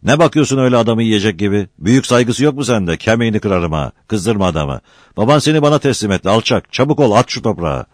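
A man puts on a domineering village man in a storybook reading, barking out orders in a raised, higher voice. He sounds harsh and scolding, with a swinging, lively delivery. The sound is close and dry. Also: fast, hardly any pauses, dry recording. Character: bossy harsh middle-aged village man.

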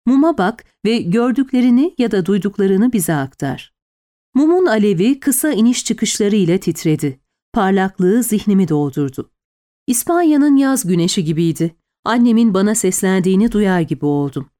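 Expressive woman narrating a dark story. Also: medium pitch. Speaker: audiobook narrator. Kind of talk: dramatic first-person narration.

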